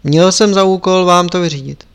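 A man's voice: sits high, clean tone. A man reading the part of a young monk delivering a message formally. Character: young male monk messenger, dutiful.

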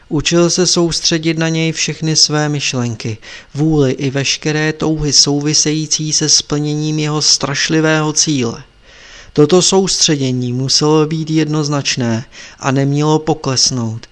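A man narrating a story in a calm, measured way. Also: fairly high pitch. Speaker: audiobook narrator. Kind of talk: scripted narration.

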